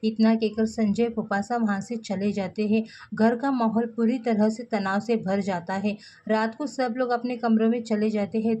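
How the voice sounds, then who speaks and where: A woman's voice: medium pitch, warm tone, a little hiss or hum. A woman narrating a TV serial plot recap in a scripted storytelling manner and speaking directly to her viewers.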